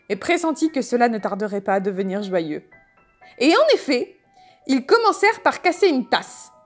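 A woman with a fairly high voice narrates a comic novel in a measured, wry manner. Soft music plays faintly underneath. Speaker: audiobook reader. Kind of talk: scripted narration.

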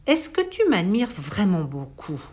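A woman's voice: fairly low pitch, very animated, measured pace, a little mellow. Woman doing a vain show-off guy, pompous and smug, dull lo-fi recording. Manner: pompous, self-satisfied. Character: vain boastful man craving admiration.

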